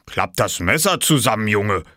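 A man's voice: fairly low pitch, lively intonation, normal speed, bright, forceful tone, no room sound, clean studio sound. Kindly old farmer, as a man reads him. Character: kindly older male farmer.

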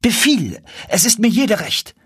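A man playing a young caliph turned into a stork, speaking in an earnest, urgent, husky voice. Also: on the low side, lively intonation, normal speed, no room sound, clean studio sound. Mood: excited.

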